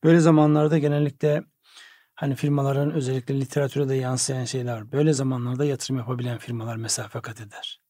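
A man's voice: medium pitch, little pitch movement, fast, dark tone, no room sound, studio quality. A man in an economic discussion who probes and pushes back with pointed questions. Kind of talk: analytical discussion.

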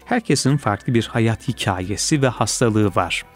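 A man reading a personal essay aloud in a calm, measured, reflective way. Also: fairly low pitch. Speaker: reader. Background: faint music.

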